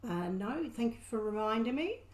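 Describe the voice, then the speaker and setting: A woman's voice: fairly high pitch, sing-song, normal speed. Encouraging woman trainer in an echoey room. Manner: encouraging, instructive. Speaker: Toastmasters mentor and trainer. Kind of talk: online meeting facilitation. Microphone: video call.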